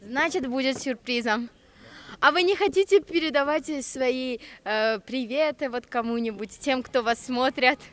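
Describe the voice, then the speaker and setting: A woman's voice: high-pitched, a little slow, a bit bright. A woman from Tajikistan, working as a TV reporter, chatting and prodding with questions in an informal interview. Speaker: TV reporter interviewing festival participants.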